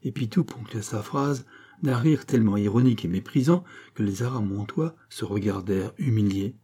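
A man reads a classic novel aloud in a calm, measured narration. His voice is mellow and warm with a husky edge. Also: lowish voice. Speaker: audiobook narrator. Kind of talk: scripted narration.

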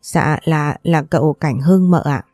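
A woman's voice: low-pitched, unhurried, darkish tone, dry recording, clean studio sound, faint music behind. A woman voicing a frightened young servant girl who stammers and pleads.

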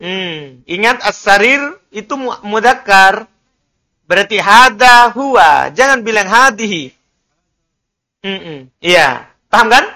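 A man's voice: sits high, animated, slow, long pauses, pushed and bright. A man teaching an Arabic lesson in a classroom, drilling students with repeated prompts and light teasing.

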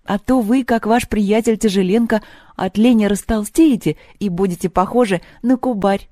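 A woman reading aloud, voicing a lively young society lady who teases in a raised, playful tone. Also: medium pitch, moderate pace, no echo, clean studio sound, pitched above the performer's own voice, lightly acted. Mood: teasing.

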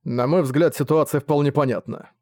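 A man voicing a calm, cheeky young male magician who answers his parents flatly, in an audiobook. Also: a little high, normal speed, no room sound, clean studio sound, natural voice. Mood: defiant.

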